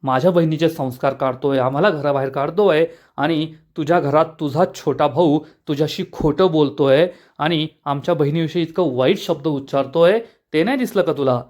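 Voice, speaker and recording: A man's voice: on the high side, moderate pace, hardly any pauses, a little mellow, lightly acted. A man doing an indignant young sister. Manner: indignant, scolding. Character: angry young woman defending her sister.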